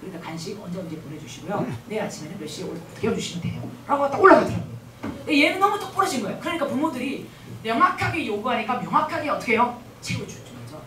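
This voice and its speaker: Fast, lively woman preaching in an echoey hall. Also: on the high side, a little hiss or hum. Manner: animated, asks the audience rhetorical questions. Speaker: guest missionary speaker. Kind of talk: lively talk at a church revival meeting. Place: large church hall. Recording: echoey hall, mic at a distance.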